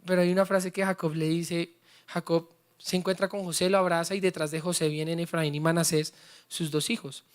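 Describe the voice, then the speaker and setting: Slightly high, clear and resonant, this man's voice holds a level tone and moves a little fast as he preaches. He fervently prompts the congregation to repeat after him and shares a personal story with deep feeling.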